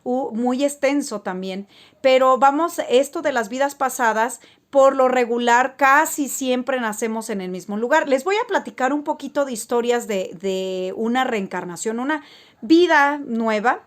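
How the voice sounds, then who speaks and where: A woman's voice: high voice, lively intonation, unhurried. A woman casually telling stories to her viewers, rambling with frequent fillers and restarts. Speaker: spiritual vlogger. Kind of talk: casual storytelling to camera.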